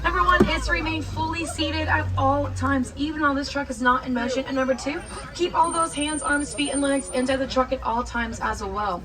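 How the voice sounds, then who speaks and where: A woman's voice: sits high, brisk, far from the mic. A woman working as a safari guide, giving upbeat, cheery rehearsed tour commentary to passengers. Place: open safari truck outdoors.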